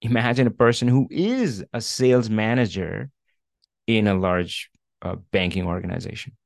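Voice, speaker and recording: Over a video call, a male career coach helps a student with the job hunt, chatting loosely, dropping plenty of fillers and tagging on "right?" often. His fairly low, creaky voice moves at normal speed. The sound is clean, studio-like, and echo-free.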